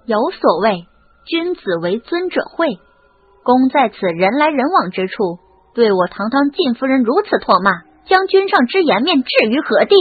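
Audiobook: woman doing a poised noble lady, husky, lively in pitch, phone-like sound. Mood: stern. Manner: measured, firm rebukes. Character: composed young noble lady, stern.

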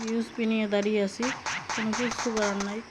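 A young woman with a Sylheti Bengali accent giving chatty, excitable commentary on a mobile game, talking straight to her viewers. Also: fairly high pitch, quick pace, background noise. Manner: chatty, excitable, addresses viewers, frequent exclamations. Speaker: gaming YouTuber.

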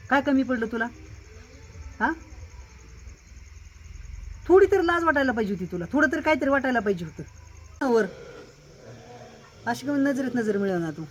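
A man's voice: very high voice, rough recording. A man playing a suspicious young husband who scolds and accuses, outdoors with faint cricket noise behind. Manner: scolding, accusing, keeps prodding with "हं?". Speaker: husband confronting his wife.

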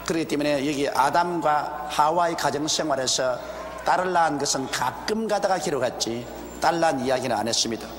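Older male preacher at a pulpit mic, measured delivery with rhetorical questions, long church reverb. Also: a little high, slight background noise. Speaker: pastor. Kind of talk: expository sermon. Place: large church sanctuary, behind a wooden pulpit. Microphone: pulpit microphone. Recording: roomy, echoey hall with faint ambience, older broadcast video.

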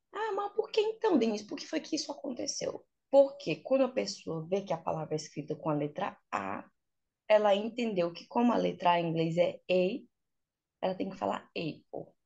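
A lowish, breathy voice with vocal fry belongs to a young adult Brazilian-accented woman teaching English casually on a video call. The lo-fi audio is picked up close by her laptop in a small plain room, and her manner is animated, full of rhetorical questions and acted-out examples.

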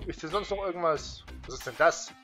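A man's voice: fairly high pitch, fairly quick, fairly bright tone, faint music behind. A man casually commenting while playing a game, laid-back and amused, chatty with lots of fillers. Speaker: let's play host.

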